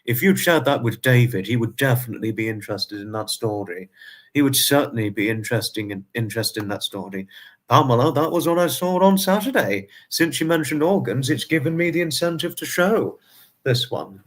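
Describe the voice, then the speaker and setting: A man's voice: medium pitch, animated, brisk. A man in his twenties casually chatting to viewers on a livestream, often repeating himself and using quaintly formal phrases. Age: 20s. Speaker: livestream host.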